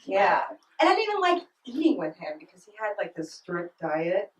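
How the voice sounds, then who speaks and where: A woman's voice: mid-range voice, wildly swooping pitch, moderate pace, a little hiss or hum. A young woman performing a stand-up comedy set in a small club, giggling and breaking into laughter mid-line. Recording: roomy club sound from a distant mic.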